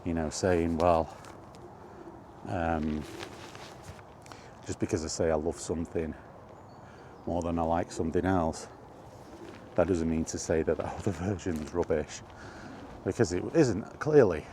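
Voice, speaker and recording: Low-pitched and dark in tone, a middle-aged gaming vlogger speaks unhurriedly, leaving long pauses as he rambles about retro gaming. The personal vlog is casual and nostalgic, with a little hiss or hum in the recording.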